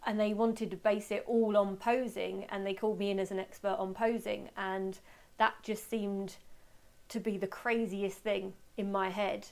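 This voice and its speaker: A British woman teaches a casual online webinar in a medium-pitched voice. She is chatty and self-deprecating, and her voice is slightly hoarse, as if starting to give out. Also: flat delivery, moderate pace, darkish tone. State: voice giving out, slightly hoarse after a workshop. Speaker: webinar host and photography teacher.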